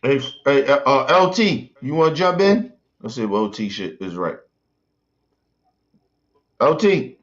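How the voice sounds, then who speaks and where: A man's voice: mid-range voice, lively intonation, unhurried, long pauses. A man hosting a group voice chat. He calls on speakers and cuts in with questions. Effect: group voice chat audio. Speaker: host moderating an online group discussion. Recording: dull lo-fi voice-chat line.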